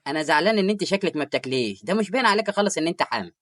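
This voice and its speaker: A performer with an Egyptian Arabic accent voicing an affectionate, patient young husband in an animated story. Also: female voice, on the low side, dry recording, studio quality. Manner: warm-hearted, rapid.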